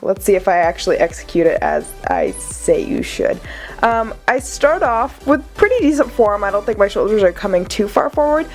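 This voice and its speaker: A woman's voice: medium pitch, darkish tone. A young adult woman talking informally and chattily as a fitness vlogger, with some self-deprecating asides. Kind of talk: casual instructional vlog talk.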